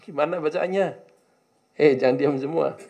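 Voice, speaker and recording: Gravelly man coaxing a quiet class. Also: fairly high pitch, moderate pace, dull audio. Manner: questioning, coaxing students to answer. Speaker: Islamic teacher. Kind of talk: classroom lesson on Arabic text.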